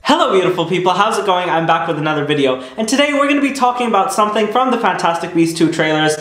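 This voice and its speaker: A man's voice: sits high, expressive, fast, a bit bright, soft background music. A man with a slight lisp from braces, chatting emphatically and straight to viewers as a fan theory video host. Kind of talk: casual scripted-feel video commentary to viewers. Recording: echoey untreated room.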